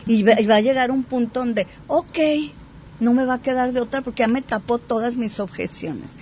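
A woman psychotherapist explaining a point in a talk show, lively and acting out example exchanges. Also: on the high side, moderate pace, slight background noise. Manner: animated, acts out example dialogues.

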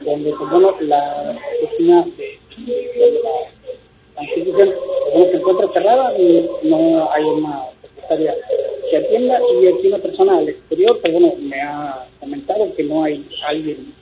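A male reporter, giving a halting live report by phone from inside an office building, his voice hollow and echoing on the line. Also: fairly high pitch, sing-song, noisy background. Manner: halting, many fillers. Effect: hollow echo on the phone line. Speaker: field reporter. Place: indoors in a public office building.

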